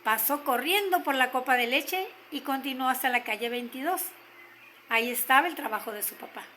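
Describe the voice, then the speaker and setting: An older woman with a Mexican accent telling a story gently, slowing down to stress key moments. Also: sits high, a little hiss or hum, rough recording. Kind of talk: told story.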